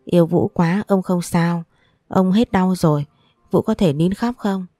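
A woman's voice: lowish voice, unhurried, mellow, dry recording, studio quality, faint music behind, natural voice. A woman voicing a kind, reassuring older grandfather in a storybook reading.

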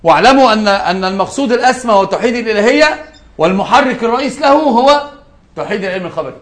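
A man delivering a religious lesson at a brisk, rapid clip, his voice sitting somewhat high for a man. He presses his points by repeating key words and weaves in scripture quotes. Now and then he turns aside to address his students directly. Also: animated. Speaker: sheikh teaching a lesson.

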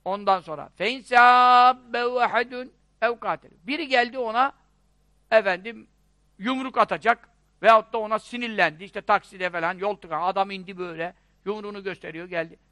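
Brief: male preacher, high bright voice, rhetorical and animated delivery. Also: a little fast, dry recording. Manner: animated, rhetorical questions, mock dialogues. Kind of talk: religious lecture.

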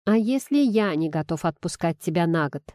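A woman's voice: fairly low pitch, animated, normal speed, a little mellow, no echo, natural voice. A woman voicing a stern but fond middle-aged male boss who talks in a dry, teasing way and sighs a lot. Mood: wry.

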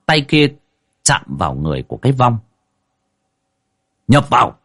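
Husky-voiced male ghost-story narrator. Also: medium pitch, fairly quick, no echo, clean studio sound. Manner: animated, acts out all the voices.

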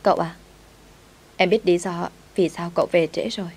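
A woman's voice: on the low side, steady tone, moderate pace, darkish tone, slightly rough. A woman voicing a timid, devoted young servant girl who speaks politely and pleads with her master. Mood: meek.

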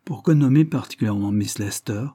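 A man's voice: medium pitch, a little fast, dark tone, slightly rough, no room sound, clean studio sound, voice pushed up, lightly acted. A man voicing a haughty, good-humoured lord. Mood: aloof. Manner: composed, aloof.

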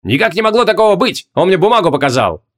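Man doing a big dumb eager soldier boy barking yes-sir answers, high and loud, storybook style. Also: very animated, quick pace. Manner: barks answers, rustic speech.

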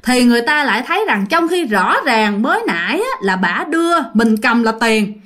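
A woman's voice: a little high, big pitch swings, normal speed, fairly bright tone. A woman telling a ghost story in a chatty way, speaking straight to her listeners. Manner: chatty, addresses listeners directly.

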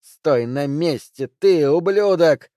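A male reader pushes his voice up into a raging, shotgun-toting woman screaming taunts into the dark woods. Her lines come out high, loud and shrill. The audiobook sound is dry and close. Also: a little slow, dry recording, natural voice. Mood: taunting yells. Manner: yelling, furious, taunting. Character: enraged red-haired woman with a shotgun, shrieking threats.

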